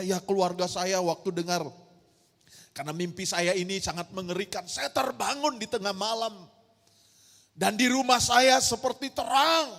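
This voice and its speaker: Gravelly woman pastor preaching. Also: fairly high pitch. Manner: emphatic preaching, rhetorical questions to the congregation. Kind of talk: sermon. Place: large church hall. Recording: long church-hall reverb.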